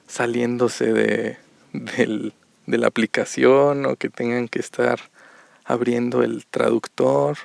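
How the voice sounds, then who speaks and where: A man from Mexico with a Mexican accent, teaching Spanish to learners on a podcast and explaining things slowly with plenty of examples. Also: mid-range voice, gravelly, no room sound. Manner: slow, repetitive explanations with examples.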